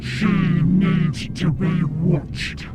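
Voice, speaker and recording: A man's voice: high-pitched, steady tone. An actor playing an evil, menacing mother in a video game, with a demonic, possessed voice and a commanding manner. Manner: slow, commanding. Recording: loud music under the voice.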